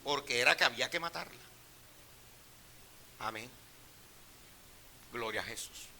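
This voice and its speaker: A middle-aged male pastor preaching a sermon, telling personal stories in a hushed voice and rising to loud, emphatic preaching. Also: medium pitch, measured pace, slight background noise.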